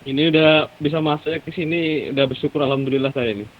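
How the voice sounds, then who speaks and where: A man, a teacher, giving short, halting remarks in an online staff meeting while his audio cuts out and glitches over a weak connection. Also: on the high side, fairly even intonation. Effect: choppy, glitchy audio breaking up over a weak connection. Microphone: video call. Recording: tinny online call audio, faraway sound.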